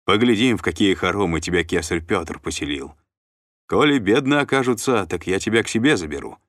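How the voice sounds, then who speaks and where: A man's voice: deep voice, expressive, brisk, no echo, studio quality. A man voicing a plump, sly and jovial noble uncle who banters and bargains. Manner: chatty, bantering, scheming.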